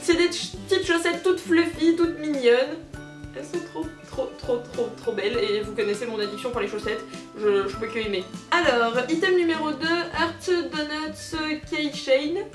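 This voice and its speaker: A woman's voice: fairly high pitch, lively intonation, normal speed. A young woman hosting a casual unboxing video at home, gushing and joking about herself, with many fillers. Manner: bubbly, gushing, self-mocking, with many fillers. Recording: roomy, distant, with music behind.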